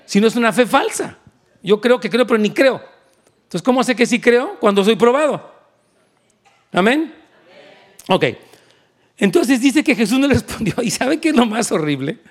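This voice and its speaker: A male pastor preaching an animated sermon, switching into English and asking for amens. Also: very high-pitched, moderate pace, pauses often. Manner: animated, switches into English, asks the crowd for amen.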